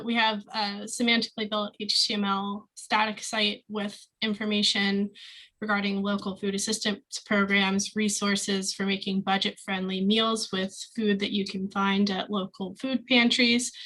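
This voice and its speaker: A woman developer giving an informal demo presentation, halting and slightly nervous in her delivery. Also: mid-range voice, pushed and bright, low-quality recording. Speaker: developer presenting project work.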